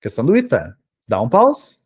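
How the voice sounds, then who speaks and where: A man's voice: mid-range voice, wildly swooping pitch, normal speed, breathy edge. A man teaching English grammar to Brazilian students, explaining step by step and checking in with the class after almost every phrase. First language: Portuguese. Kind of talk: grammar lesson for exam prep.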